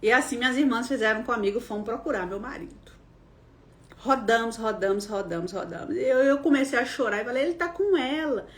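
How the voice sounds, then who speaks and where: A woman's voice: a little high, brisk. A Brazilian woman psychologist hosting a live stream, telling a personal story with feeling. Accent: Brazilian Portuguese. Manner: emotional storytelling, acting out quoted voices.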